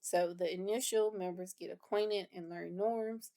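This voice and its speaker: Woman instructor, explains and rephrases terms, fry-heavy voice. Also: lowish voice, fairly even intonation, a little slow, mellow. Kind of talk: lecture review.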